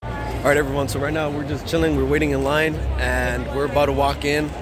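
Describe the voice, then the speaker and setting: A man in his twenties talking casually to a handheld camera, relaxed and full of fillers. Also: fairly high pitch, brisk, over music, crowd noise. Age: 20s. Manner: relaxed, filler-heavy, says "like" and "nevertheless" often. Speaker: vlogger. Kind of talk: casual vlog chat to camera. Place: outdoors at a large open-air graduation venue. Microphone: handheld camera at arm's length.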